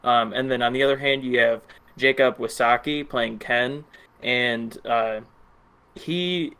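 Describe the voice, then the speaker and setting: A man's voice: mid-range voice, unhurried, pushed and bright, clean tone. A man co-hosting a film podcast, talking casually and hesitantly with many fillers. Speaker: podcast co-host. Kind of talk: casual film review chat.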